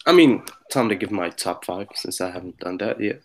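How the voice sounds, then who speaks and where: A man co-hosting a casual podcast chat, loose and excitable, swearing freely. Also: low-pitched, normal speed, low-quality recording. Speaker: podcast co-host.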